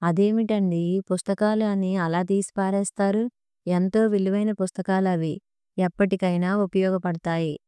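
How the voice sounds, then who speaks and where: A woman's voice: mid-range voice, steady tone, unhurried, warm tone, clear, resonant tone, no room sound, lightly acted. A woman reading the part of a timid, hurt young wife in a storybook narration. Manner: hesitant, pleading.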